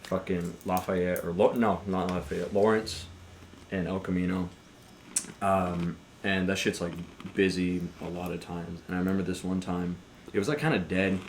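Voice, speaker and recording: A man's voice: sits low, fairly even intonation, moderate pace, a little hiss or hum. A young man on a podcast, casually telling long work stories with lots of swearing and restarts. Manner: rambling, profane, with frequent restarts and fillers. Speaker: podcast co-host. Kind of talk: casual storytelling with friends.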